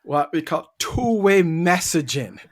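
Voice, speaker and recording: A man's voice: on the high side, animated, slow pace. A middle-aged man from Barbados, a leadership trainer answering interview questions in an easygoing way and often repeating words while he thinks.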